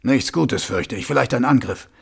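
A man's voice: medium pitch, expressive, normal speed, vocal fry, breathy edge. A man voicing a grim, hard-bitten male sergeant who gives short commands. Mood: gruff. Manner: curt, commanding.

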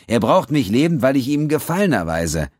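A man doing an agitated, high-strung male captive. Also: sing-song, measured pace, no room sound, clean studio sound, exaggerated voice. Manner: agitated, pleading, snapping. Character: panicky, hot-tempered male captive. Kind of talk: audiobook character voice.

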